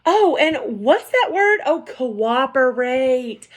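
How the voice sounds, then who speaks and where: A woman teacher reading a picture book aloud to young children, gentle and sing-song, often checking in with "right?". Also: high voice, big pitch swings, slow pace.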